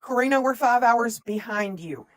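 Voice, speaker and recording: A woman's voice: a little high, lively intonation, normal speed. Chatty woman reading comments. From Tennessee, USA. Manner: chatty, reads out viewer comments. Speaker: livestream co-host. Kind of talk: casual livestream chat.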